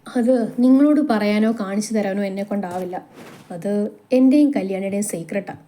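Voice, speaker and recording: A woman's voice: mid-range voice, fairly quick, warm tone, close to an everyday voice. A woman voicing a mocking, scheming young man in a storybook tale, speaking in a taunting way. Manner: sneering, taunting.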